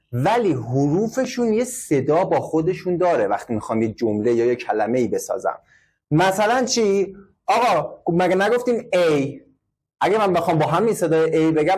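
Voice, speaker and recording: A man teaching English to a class, explaining patiently, repeating words and quizzing his students. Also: a little high. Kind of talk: classroom lesson.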